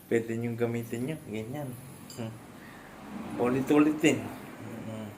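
A man from the Philippines, a stroke survivor, casually demonstrating home exercises with halting speech, frequent fillers and restarts, and often laughing as he explains. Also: mid-range voice, darkish tone, slight background noise. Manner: polite, addresses viewers respectfully. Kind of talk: casual instructional vlog.

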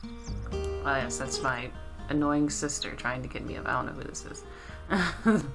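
A woman's voice: extremely low pitch, a little slow. A young woman joking and laughing through casual let's play commentary, swearing now and then, with game music behind.

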